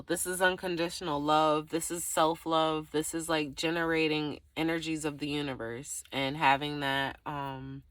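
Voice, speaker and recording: This tarot reader's low-pitched, fairly bright voice comes through on a dry recording. She rambles casually through an improvised reading for the viewer, often trailing off before looping back.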